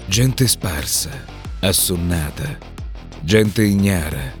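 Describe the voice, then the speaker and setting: Very deep, slow male narrator. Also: animated, faint music behind. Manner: slow, solemn, poetic. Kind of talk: scripted dramatic narration.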